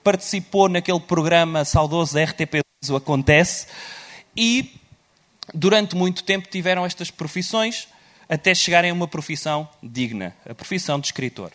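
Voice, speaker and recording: A man with a fairly high voice and a European Portuguese accent hosts a panel on stage. He talks loudly and with a playful, teasing edge. His delivery is lively and deliberate. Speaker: moderator. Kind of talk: live panel moderation.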